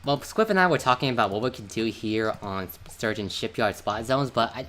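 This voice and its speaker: A man's voice: on the low side, animated, a little fast, bright, forceful tone. Male caster, loose chatty delivery, trips over his words, voice chat. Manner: chatty, stumbling restarts. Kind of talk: casual esports commentary.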